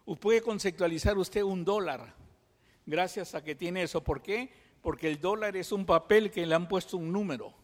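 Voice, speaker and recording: A man from Peru with a Peruvian Spanish accent, preaching a sermon and teaching through lively examples and rhetorical questions. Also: sits high, normal speed. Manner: animated storytelling, acts out examples, rhetorical questions. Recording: long hall reverb.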